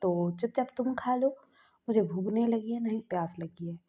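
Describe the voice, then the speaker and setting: A woman's voice: a little high, moderate pace, dark tone, husky. A woman voicing a rude, stubborn young man who snaps at his family. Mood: angry. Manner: curt, angry.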